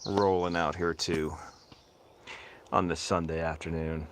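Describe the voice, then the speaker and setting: Laid-back low-voiced man chatting to viewers. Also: measured pace, slight background noise. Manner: relaxed, chatting to viewers, says his voice is monotone. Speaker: livestream host. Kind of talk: casual livestream chat. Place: home, cats outdoors.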